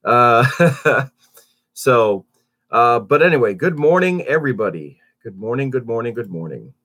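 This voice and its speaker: A YouTube channel host with a mid-range, slightly slow voice gives a casual morning update, sounding stuffy and under the weather. He rambles with lots of fillers and restarts, staying animated and swooping upward on his greetings.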